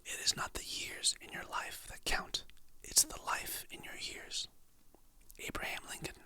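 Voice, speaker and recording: Soft and soothing, this whispered ASMR clip has a content creator reciting motivational quotes and affirmations at a slow pace, crediting each author after the quote.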